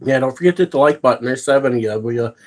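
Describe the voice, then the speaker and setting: A man's voice: medium pitch, racing. A man hosting a casual livestream, chatting with viewers and ranting with heavy profanity. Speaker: livestream host.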